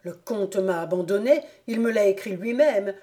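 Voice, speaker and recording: A woman's voice: mid-range voice, normal speed, mellow, close to an everyday voice. A woman reading the lines of an anguished young nobleman in love, agitated and pleading. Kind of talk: audiobook character reading.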